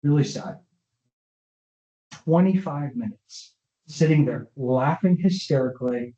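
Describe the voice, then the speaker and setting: Through roomy, muffled-sounding lo-fi audio from an online session, a man lectures conversationally on neuropsychology and takes audience questions. He's unhurried and mellow, his pitch a little high, and he often stops to confirm people are with him.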